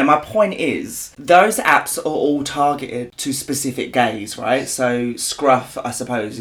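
A man's voice: mid-range voice, a bit bright. A British man co-hosting a casual podcast. He is blunt and likes to tease, speaking in a mid-range male voice. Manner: blunt, teasing. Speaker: podcast co-host. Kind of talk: casual chat.

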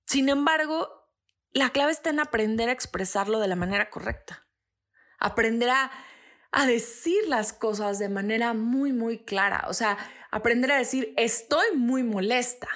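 A woman in her thirties hosting a podcast, explaining ideas in an earnest, teaching monologue that climbs in pitch to stress a point. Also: normal speed, fairly bright tone. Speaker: podcast host.

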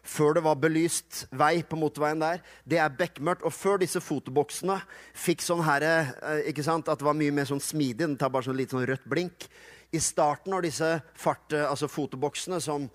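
Man, high voice, pastor preaching, lively and humorous, acts out quotes. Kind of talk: sermon.

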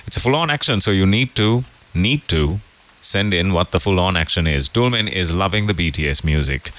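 A man's voice: sits low, animated, a little fast, a bit bright. A man hosting a breakfast radio show, joking and playful in casual chat. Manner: jokey, playful, teasing. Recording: music playing under the voice. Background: music.

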